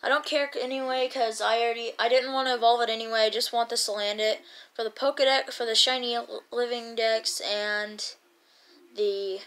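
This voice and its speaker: High-voiced chatty woman gaming. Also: moderate pace. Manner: rambling, chatty, excitable. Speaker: gaming YouTuber. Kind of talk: casual gameplay commentary.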